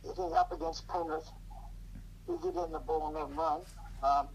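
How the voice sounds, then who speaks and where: An older man talks through a low quality speakerphone recording, with faint noise underneath. His voice sits a little high for a man. He rambles and hesitates, with plenty of ums and restarts. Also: wildly swooping pitch, normal speed, creaky, poor audio. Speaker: guest on a podcast, host's father. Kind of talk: casual chat about rugby league.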